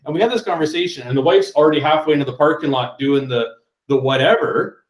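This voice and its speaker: A man's voice: fairly high pitch, fast, reverberant, poor audio. A man sharing a casual, rambling story with a group, chatty and talkative. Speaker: real estate agent. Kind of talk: casual anecdote on a group call.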